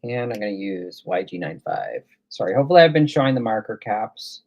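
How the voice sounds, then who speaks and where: Male livestream host with a gravelly edge and mid pitch, chatty and thinking aloud while he works. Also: big pitch swings, fairly quick, a little mellow, a little hiss or hum. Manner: chatty, thinks aloud while working, reads out viewer comments. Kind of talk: casual live coloring demo.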